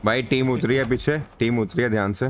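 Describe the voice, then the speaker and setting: A man's voice: mid-range voice, steady tone, brisk, a little hiss or hum. Man giving urgent team callouts. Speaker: gaming livestream host. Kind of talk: casual gaming chat and callouts.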